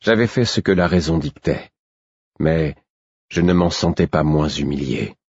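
A man reading a first-person story aloud in measured audiobook narration. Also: a bass voice, darkish tone, husky, dry recording, lo-fi sound.

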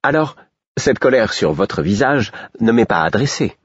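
A man's voice: fairly low pitch, lively intonation, a little slow, breathy edge, dry recording, dull audio, pitched above the performer's own voice. A man voicing a proud, lonely young queen who speaks firmly and earnestly, in an audiobook. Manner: firm, earnest.

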